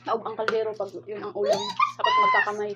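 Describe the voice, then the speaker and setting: A woman's voice: a little high, wildly swooping pitch, fast. A woman with a Cebuano accent, chatting casually to viewers in a family mealtime vlog and explaining things as she goes. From Philippines. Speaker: family vlogger, mother. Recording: loud background noise.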